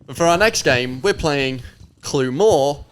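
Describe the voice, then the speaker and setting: A man's voice: on the high side, animated, takes it slowly. A man co-hosting a podcast, reading out quiz questions in a playful, theatrical way. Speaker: co-host and quizmaster.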